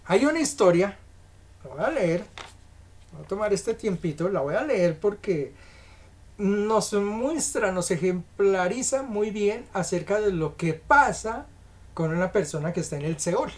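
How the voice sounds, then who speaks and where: Emphatic woman preaching with a lively voice. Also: fairly low pitch. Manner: emphatic, reads and explains scripture aloud; addresses listeners directly with rhetorical questions. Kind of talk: evening sermon.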